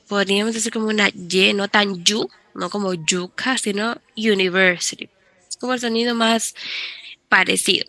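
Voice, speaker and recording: A woman's voice: medium pitch, creaky, bright, forceful tone, dry recording. A woman teaching an English class in Spanish, patiently explaining grammar rules step by step and switching between Spanish and English.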